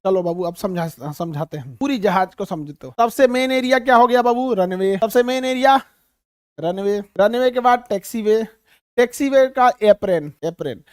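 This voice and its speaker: A man from Bihar with a Bihari Hindi accent, teaching a class in an animated, humorous way and calling his students "babu". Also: high-pitched, normal speed, no room sound, studio quality. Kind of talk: classroom lecture.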